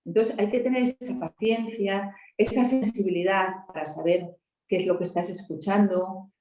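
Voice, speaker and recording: A woman's voice: mid-range voice, fairly even intonation, normal speed, dark tone, echoey room, low-quality recording. A woman from Asturias with a Spanish accent in a conversational talk, explaining patiently and peppering her points with tag questions. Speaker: helpline volunteer speaker.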